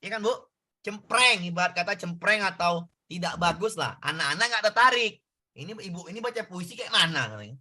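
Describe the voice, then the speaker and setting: A male tutor works through exam questions in a casual, back-and-forth way and keeps asking his students for answers. His voice sits high for a man. It sounds very bright and sharp. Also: animated, a little fast. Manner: conversational, asks students questions. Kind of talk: exam prep lesson.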